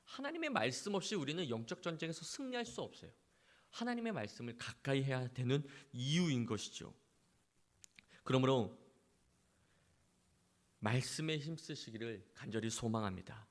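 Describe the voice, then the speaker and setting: Animated Korean pastor preaching a sermon. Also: male voice, medium pitch, moderate pace, pauses often. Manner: emphatic preaching, repeated exhortations.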